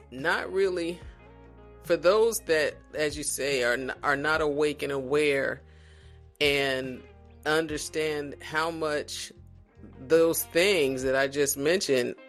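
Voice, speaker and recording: A man from South Carolina, a podcast guest in casual conversation, talking in a reflective, unhurried way with many restarts. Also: fairly high pitch, a bit bright.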